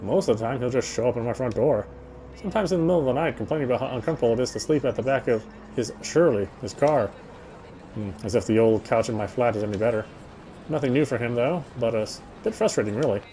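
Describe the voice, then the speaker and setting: Reading a visual novel out loud while commenting on the side, the streamer now and then stumbles and repeats words. His voice sits in the mid range, warm in tone and fast. Slight noise can be heard behind him.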